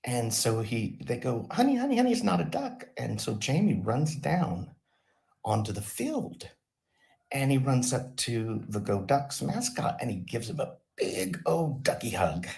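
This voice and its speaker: A man hosting his channel, telling a rambling comic story off the cuff with a deadpan, absurd humor. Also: mid-range voice, unhurried, gravelly. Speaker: channel host.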